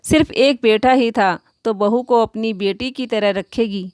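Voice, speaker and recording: A woman narrates a moral tale in a steady, even, read-aloud manner. Her voice sits fairly high. The recording is close and dry, with no audible room. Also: unhurried, no echo. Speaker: storyteller. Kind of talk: scripted storybook narration.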